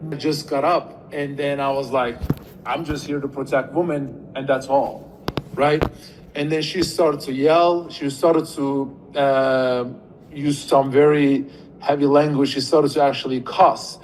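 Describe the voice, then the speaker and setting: A man earnestly recounting an incident, halting with many fillers. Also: mid-range voice, level tone, noisy background. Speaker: interviewee.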